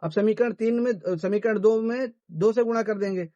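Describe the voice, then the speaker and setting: Male math teacher, answers his own questions, pitched high. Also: normal speed, warm tone, no room sound, muffled recording. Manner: asks questions and answers them himself. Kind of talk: classroom-style math lesson.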